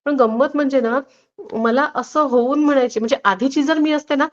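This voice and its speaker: A woman guest tells her stories in a calm, reflective way. She often pauses and hesitates as she talks. Her voice sits on the higher side, and the recording sounds dull and lo-fi. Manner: reflective, anecdotal, with many hesitations. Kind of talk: personal storytelling in conversation.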